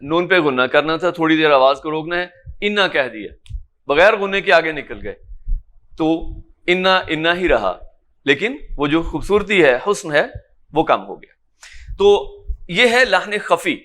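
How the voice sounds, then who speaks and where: A man teaching Quran recitation in a classroom lecture, explaining patiently, checking that students follow and chanting example words slowly. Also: fairly high pitch, expressive, a bit bright. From Pakistan. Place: lecture room in an academy.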